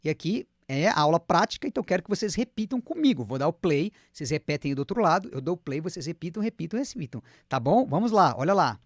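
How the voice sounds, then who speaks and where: A man's voice: on the high side, no room sound, studio quality. A man teaching an online English lesson, chatty and encouraging, whose first language is Portuguese. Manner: lively, chatty, repeats words slowly for students to copy.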